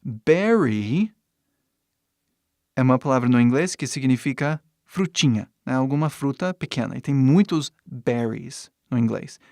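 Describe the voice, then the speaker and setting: Slow, patient male language teacher. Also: mid-range voice, expressive, darkish tone, dry recording, studio quality. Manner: patient, repeats words slowly and adds little checks of understanding. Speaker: English teacher. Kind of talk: vocabulary lesson explaining words and pronunciation.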